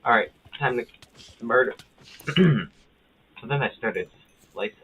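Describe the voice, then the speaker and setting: A man streaming a video game live, chatting casually with a friend, rambling and correcting himself mid-sentence, and getting excited at small finds. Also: mid-range voice, a little slow. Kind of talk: casual chat while gaming live. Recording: tinny phone-like audio with faint hiss.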